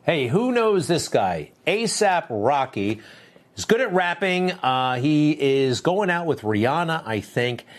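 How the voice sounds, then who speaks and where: A man's voice: on the high side, big pitch swings, takes it slowly. A man hosting a talk show, giving an opinionated, conversational monologue with wry asides and rhetorical questions.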